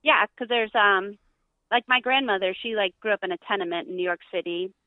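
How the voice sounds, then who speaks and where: A woman caller chats loosely over a thin, tinny phone line, filling her pauses with ums and likes. The sound is dry and close, with no room around it. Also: mid-range voice, no room sound. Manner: chatty, hesitant with many ums and likes. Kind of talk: casual phone-in chat.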